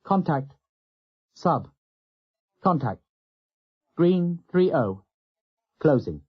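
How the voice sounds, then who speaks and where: A man's voice: on the high side, extremely slow, breathy edge, pitched above the performer's own voice, exaggerated voice. A man voicing an eager young male navy signalman reporting to his officer. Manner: excited reporting. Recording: dull lo-fi audio.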